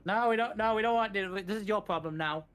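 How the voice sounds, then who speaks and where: With game music behind him, a man gives live, explanatory commentary on a speedrun, often repeating and rephrasing himself. His voice is high-pitched and a bit bright, and he talks fast.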